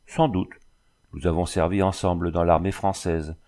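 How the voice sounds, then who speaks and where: A man reading the part of a calm, patient young French engineer in an audiobook. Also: low voice, normal speed, natural voice.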